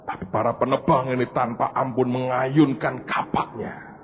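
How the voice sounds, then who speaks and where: Husky preacher with dramatic swings. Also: male voice, medium pitch, fairly even intonation, normal speed. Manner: dramatic, swings from soft to shouting. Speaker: pastor. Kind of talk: sermon storytelling. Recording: tinny phone-like sound.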